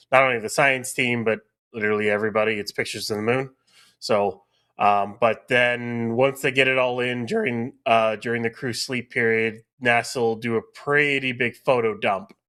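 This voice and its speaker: A man's voice: lowish voice, pushed and bright. A man co-hosting a livestream, explaining things casually and off the cuff. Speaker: livestream co-host, commentator. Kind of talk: casual explanatory live commentary.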